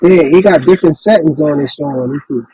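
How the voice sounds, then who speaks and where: A man on a casual talk panel whose voice comes through muffled, as if over a car radio, and who talks loudly and repeats himself. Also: fairly high pitch, quick pace, crowd noise. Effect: muffled, like talking through a car radio. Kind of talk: casual chat, checking his mic.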